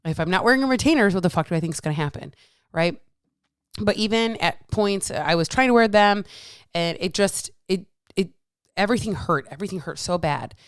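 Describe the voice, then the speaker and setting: A woman's voice: lowish voice, expressive, brisk, smooth, no echo, clean studio sound. A woman around forty talking casually and candidly on her own, swearing and repeating phrases for emphasis, her speech slightly altered by the dental retainers she is wearing. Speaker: podcast host, health coach. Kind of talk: casual solo monologue telling a story with lessons.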